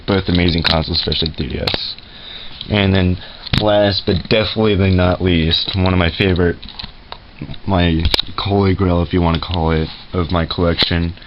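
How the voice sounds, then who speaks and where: A man with a deep, low voice talks casually through his collection at home, stopping often for fillers and quick self-corrections. The sound is dull and lo-fi, with loud noise over it from the camera's built-in mic. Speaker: game collection vlogger. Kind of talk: casual show-and-tell vlog. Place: room in a home.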